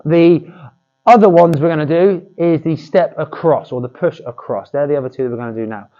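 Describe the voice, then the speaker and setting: A man's voice: on the high side, fairly quick, dull audio. A man coaching boxing pad work, demonstrating drills with short cues and encouragement.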